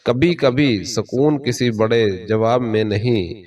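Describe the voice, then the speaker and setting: A man with a Pakistani Urdu accent giving a solemn, measured motivational sermon in a steady preaching cadence. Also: medium pitch, distant mic. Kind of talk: scripted motivational sermon narration.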